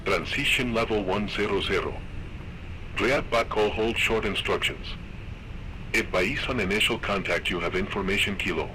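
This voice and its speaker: A male voice reads out an automated airport weather broadcast: wind, visibility, pressure and runway in clipped, even figures. The tone sits low in pitch yet sounds bright and sharp. A faint hiss of noise runs underneath. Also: moderate pace, poor audio.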